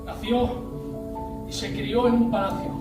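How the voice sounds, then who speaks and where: A high-pitched man with a Spain Spanish accent preaches a sermon, telling a story and voicing its characters. He sounds set back from the microphone in a very echoey church, with music playing behind him. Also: fairly even intonation, unhurried. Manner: storytelling, acts out scenes with voices. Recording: echoey church hall, mic at a distance.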